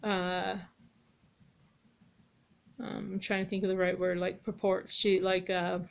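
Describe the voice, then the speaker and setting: Slow and gravelly, this woman speaks at a medium pitch that barely rises or falls. She's a homeschooling mom chatting casually in a vlog, rambling along with plenty of ums and restarts, and the lo-fi audio sounds slightly dull.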